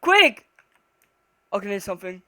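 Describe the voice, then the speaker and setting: Jumpy scared horror game streamer, bright voice. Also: medium pitch, expressive, moderate pace, no echo, clean studio sound. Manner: jumpy and panicky, swearing, swinging between nervous muttering and shrieks. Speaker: gamer playing an online horror game. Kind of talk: scared horror game streaming commentary, casual chat with a co-player.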